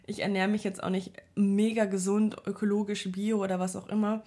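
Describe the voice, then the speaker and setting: A young woman's mellow, mid-range voice stays level as she talks fairly quickly to her viewers. In a casual, reflective way, she gives sincere self-help advice, often using fillers and restarting her thoughts.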